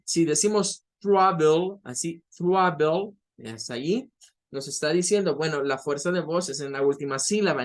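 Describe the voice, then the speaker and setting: A man who speaks Spanish as a first language, teaching English grammar and repeating key points patiently. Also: high-pitched. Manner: models English words slowly. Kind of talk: online grammar lesson.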